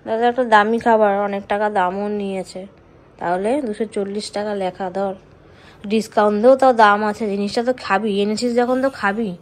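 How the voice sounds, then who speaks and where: A young adult woman vlogging in a casual, chatty way, speaking softly and sparingly because of a sore tooth, and teasing her family. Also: medium pitch, steady tone, a little fast, rough recording. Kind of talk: casual vlog chat.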